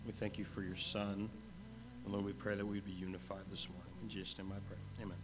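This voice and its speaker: A man with a low, fairly flat voice and a stuffy, congested nose talks quickly through church announcements, poking fun at himself in a casual way before moving into a spoken prayer. He's in a church sanctuary, where the hall adds a long reverb, and there's noise in the background.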